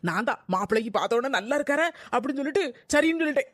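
A young woman playing a defensive, indignant daughter-in-law in a comedy skit, retorting with sharp questions. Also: sits high, expressive, rapid-fire, dry recording, clean studio sound. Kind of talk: scripted comic family quarrel.

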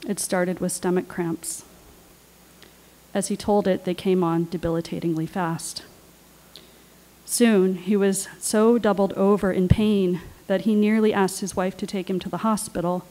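A woman on a panel, reading her own personal essay aloud in a measured, deliberate way. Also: mid-range voice, steady tone, dark tone, rough recording. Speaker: writer and panelist.

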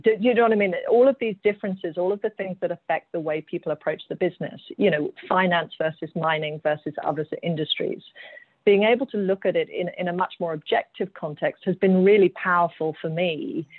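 Joining a panel by video call, this mining executive from the UK talks in earnest, her English-accented voice sitting on the low side and frequently doubling back on words while she thinks. The recording is dry and has the thin, phone-like quality of call audio.

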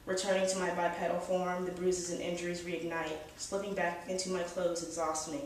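A young adult woman, an author, steadily reading her first-person dark fantasy aloud at a small cafe. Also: on the low side, a little hiss or hum. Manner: steady, measured reading from the page. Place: small cafe with brick walls, indoors. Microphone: far camera, no close mic. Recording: very echoey cafe, mic far off.

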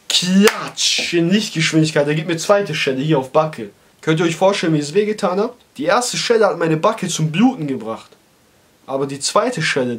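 High-voiced young man telling a comic story. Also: breathy edge. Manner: animated, street slang, acts out the dialogue. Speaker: comedy YouTuber.

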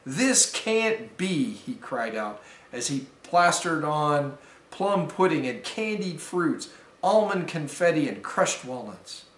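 Slow, careful deacon reading a fable. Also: male voice, a little high, very animated, a bit bright. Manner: careful, measured storytelling. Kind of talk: reading a fable aloud to students. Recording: roomy echo.

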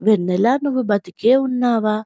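A grieving man full of sorrowful, anxious questions, as a woman reads him aloud. He speaks in a storybook tale with a mellow, slightly high voice and a dry sound. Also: normal speed, no room sound. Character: grieving man who finds a lost friend.

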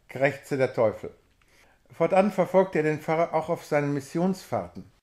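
A man reads a religious biography aloud in a measured, expressive way. His voice sits a little high for a man. He is the reader of the book.

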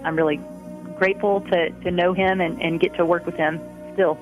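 A woman researcher answering interview questions in a halting way, often restarting her phrases. The recording sounds muffled and lo-fi. Faint music plays softly behind her. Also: lowish voice, steady tone. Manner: hesitant, repeats words while searching.

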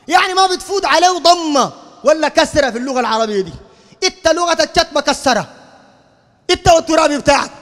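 A man's voice: extremely high pitch, a bit bright, long reverb tail. A man with a Sudanese Arabic accent, giving a heated religious lecture in a combative, mocking, lecturing tone. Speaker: preacher.

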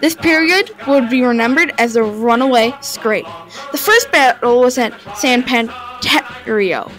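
A woman's voice: a little high, measured pace, fairly bright tone, soft background music, rough recording. A woman reading a history narration for her own video, informal and a little stumbling, with sudden upward jumps at each new turn in the story. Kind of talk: read-aloud history narration.

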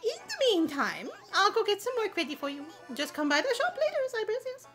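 A woman's voice: very high voice, huge pitch swings, brisk, a bit bright, soft background music, heavily acted. A woman voicing a fussy, businesslike male raccoon shopkeeper who keeps adding "yes, yes". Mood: mock-formal.

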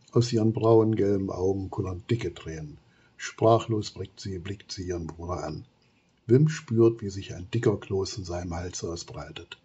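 A man narrating a children's story in a gentle, expressive way, with a husky voice. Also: on the low side, dull audio. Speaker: audiobook narrator.

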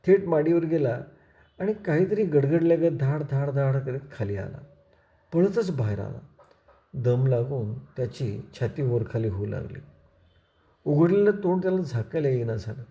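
Man, storyteller, steady measured reading, mellow warm tone. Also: medium pitch.

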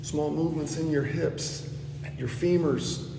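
Filming himself on a phone at arm's length, a man in his thirties teaches a movement practice as he walks through an indoor stairwell full of echo and noisy ambience. His voice is on the high side and gravelly, with fairly even intonation. He speaks slowly, stretching words out and slipping into murmurs and near whispers.

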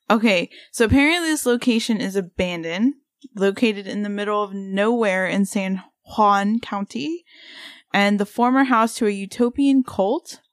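Woman, 30s, podcast co-host, excitable rambler, mid-pitched, dry booth sound. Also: no echo. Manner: rambling, filler-heavy, excitable. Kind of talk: casual podcast chat.

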